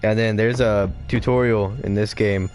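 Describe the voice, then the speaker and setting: A man with a slightly low voice comments on a fighting game as he plays. He is casual and offhand, with faint music running behind him. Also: fairly even intonation, normal speed, a little mellow. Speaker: gamer playing through a fighting game.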